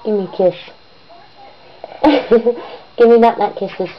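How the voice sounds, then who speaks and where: A woman's voice: fairly high pitch, fairly even intonation, slow, highs cut off, slight background noise. A mother coaxing her baby in sing-song baby talk, repeating simple words over and over on a home video.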